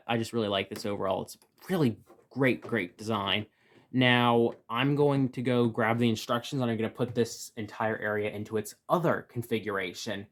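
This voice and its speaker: A man giving a casual, rambling review of a toy set from his room, full of fillers and restarts. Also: mid-range voice.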